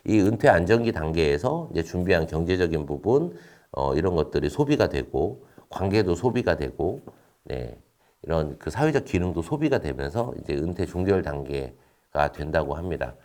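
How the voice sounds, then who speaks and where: A man with a lowish voice lectures in an explanatory, conversational way. His pitch swings up and down animatedly as he poses questions and answers them himself, with hesitant fillers between points. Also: normal speed. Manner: frequent fillers, lively rises and drops in pitch. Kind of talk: recorded lecture.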